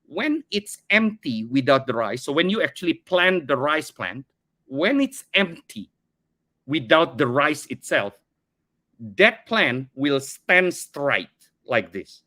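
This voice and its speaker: Very animated but slow-paced, his voice a little high with a bright, forceful tone, a middle-aged Indonesian man earnestly shares his story. He's a company CEO guesting on a podcast in a conversational interview, speaking second-language English and frequently repeating words as he finds his phrasing.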